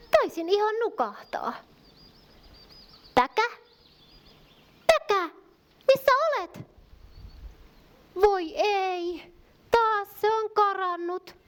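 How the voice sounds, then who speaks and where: A woman voicing a kind young shepherd girl in a puppet show, talking to the children in the audience like a storyteller. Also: very high-pitched. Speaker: puppet character.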